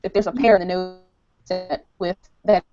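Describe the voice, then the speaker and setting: A woman giving a technical lecture over a video call, halting and full of ums, her audio breaking up and fading in and out over a bad connection. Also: lowish voice, fairly even intonation, warm tone, dull audio. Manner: halting, many ums and restarts. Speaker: presenter.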